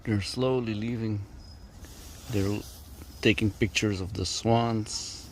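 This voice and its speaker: A man filming a camping vlog outdoors by water and woods, chatting casually with small halting pauses into a handheld camera. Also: on the low side, slight background noise. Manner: relaxed, chatty, slightly halting. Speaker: camper vlogger.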